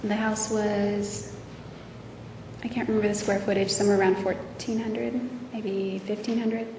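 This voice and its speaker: A woman testifying as a witness, speaking hesitantly with many pauses and fillers, in a courtroom recording. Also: medium pitch, flat delivery, dark tone. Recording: echoey courtroom audio from far off with noise.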